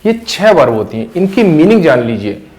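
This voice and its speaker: A middle-aged man teaching an English grammar lesson. He explains slowly and repeats phrases word by word. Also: on the high side, very animated, a little mellow.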